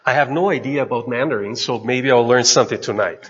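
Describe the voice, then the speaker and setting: Speaking with a husky, mid-range voice, a Portuguese-speaking preacher gives a sermon with consecutive interpretation, keeping a measured pace of short phrases with breaks for the interpreter. The dull recording comes from a big hall full of echo.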